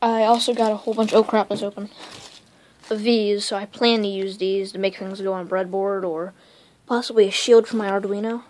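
A woman giving a casual, rambling tour of her home electronics workshop, talking quickly and interrupting herself as she films with a handheld phone. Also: mid-range voice, steady tone, a little mellow. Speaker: electronics hobbyist vlogger. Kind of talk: casual unscripted shop tour. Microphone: handheld phone camera.

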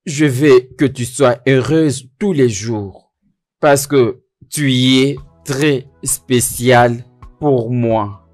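A man dubbing a French film, playing a doting husband who fusses over his wife and keeps apologizing and urging her to go slowly. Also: mid-range voice, lively intonation, soft background music, natural voice. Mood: tender. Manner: fussing, repeating apologies and "slowly". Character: doting husband, fussy and attentive.

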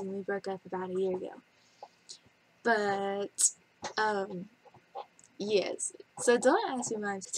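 Picked up by a webcam at desk distance, a medium-pitched woman in her twenties talks about herself in a casual bedroom vlog. She is giggly and rambling with plenty of fillers, and the rough recording carries a slight hiss or hum.

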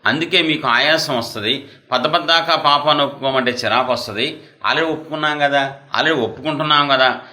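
Bright-voiced man preaching with fervor. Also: brisk. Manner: emotional preaching, swings between loud outbursts and low, quiet asides. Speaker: pastor. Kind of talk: sermon.

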